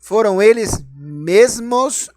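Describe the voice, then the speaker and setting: A man's voice: high-pitched, lively intonation, drawn-out words, darkish tone, dry recording. A man teaches grammar. He explains each rule step by step and quizzes himself along the way. The sound is dry and close, with no room around it. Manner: explanatory, asks and answers his own questions. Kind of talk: grammar lesson.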